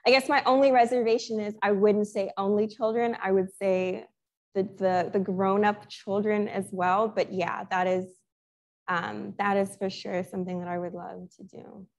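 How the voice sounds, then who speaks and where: A young woman from Sri Lanka talks through her art slowly and thoughtfully, pausing and restarting her sentences. Her voice sits at a middle pitch, relaxed and conversational. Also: vocal fry. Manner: reflective, thoughtful, many restarts and fillers. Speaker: guest artist. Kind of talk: conversational Q&A talk.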